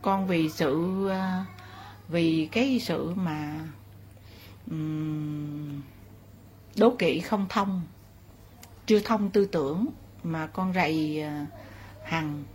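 A woman speaking as the remorseful spirit of a married man, slow and pleading. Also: deep voice, a little mellow, a little hiss or hum. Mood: contrite. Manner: slow, pleading, contrite confession.

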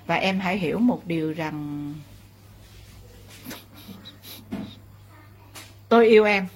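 A woman speaking as the remorseful spirit of a married man, slow and pleading. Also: lowish voice, a little mellow. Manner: slow, pleading, contrite confession.

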